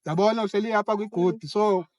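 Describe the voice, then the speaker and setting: A man's voice: sits high, fairly even intonation, fast talker, no echo, clean studio sound. A man with a South African accent doing informal street interviews as the interviewer. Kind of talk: informal vox pop interviewing.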